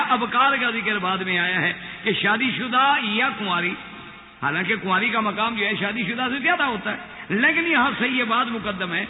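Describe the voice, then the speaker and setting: A man preaching a sermon who retells stories with acted dialogue and chants scripture slowly. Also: high voice, slight background noise. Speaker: Islamic preacher. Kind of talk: Urdu sermon with storytelling. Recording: tinny lo-fi with long reverb.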